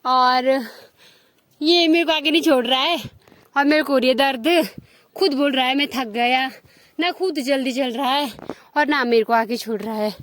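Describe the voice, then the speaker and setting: A woman's voice: high-pitched, moderate pace, a bit bright, dry recording. A woman with a Himachali Pahadi accent, chatting to her viewers as a village vlogger in a rambling way full of fillers. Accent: Himachali Pahadi Hindi. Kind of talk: casual chat to viewers.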